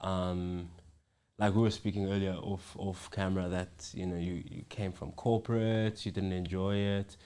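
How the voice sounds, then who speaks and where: A man's voice: low-pitched, little pitch movement, normal speed, mellow, smooth. A man chatting as a podcast guest, laid-back and slangy, laughing easily. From South Africa. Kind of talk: casual chat.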